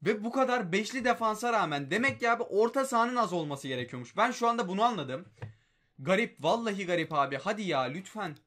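A young man with a high, bright voice commentates live as he plays a mobile game. He keeps begging the game and groans at it in exasperation, talking straight to it. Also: lively intonation, fast. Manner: pleading, exasperated, talks to the game.

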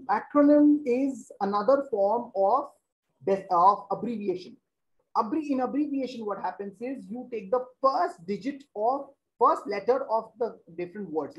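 A man teaching a class over a video call. He explains slowly and repeats phrases, filling gaps with hesitations while he works the computer. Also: high-pitched, muffled recording. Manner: repetitive, thinks aloud with many hesitations.

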